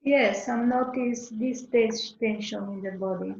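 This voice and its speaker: A woman from Italy with an Italian accent, speaking halting, simple English as a participant on a video call. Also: a little high, gravelly, a little mellow. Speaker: meeting participant. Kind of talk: casual chat on a video call. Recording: echoey, dull video-call audio with faint noise.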